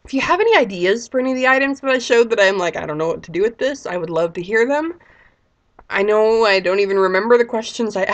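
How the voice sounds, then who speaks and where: A woman in her thirties with a sick voice, chatting casually and rambling as a vlogger. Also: medium pitch. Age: 30s. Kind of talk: casual chat.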